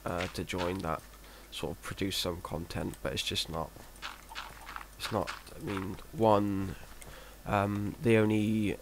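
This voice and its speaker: Deep-voiced and slow, a man meanders through casual gameplay talk, unsure of himself and quick to put himself down. By his own account he sounds monotone; he's a Minecraft let's player recorded at home with plenty of noise.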